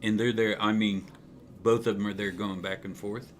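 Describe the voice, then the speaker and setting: A man narrating a tabletop game as game master, playful and lively. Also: lowish voice, moderate pace, slight background noise.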